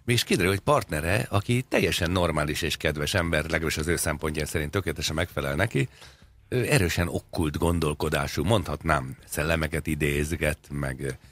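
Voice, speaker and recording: A man with an extremely deep voice co-hosts a comedic radio chat. He rambles wryly, piling up absurd examples with plenty of pauses and fillers. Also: fairly bright tone, no echo. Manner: wry, rambling, absurd jokes, frequent hesitations. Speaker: radio show co-host. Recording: studio radio talk show.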